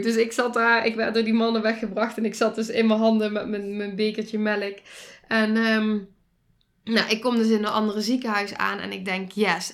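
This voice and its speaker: A woman's voice: fairly high pitch, a bit bright. A young woman hosting a podcast, telling a personal story with emotion, frequent restarts and bursts of laughter, still a little foggy from a concussion. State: recovering from a concussion, a bit foggy. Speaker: podcast host.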